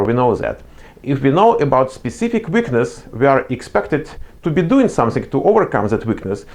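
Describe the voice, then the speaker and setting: A man with a non-native English accent presents job interview advice to camera, explaining earnestly while using lots of fillers and restarting sentences. His voice is medium in pitch and slightly mellow.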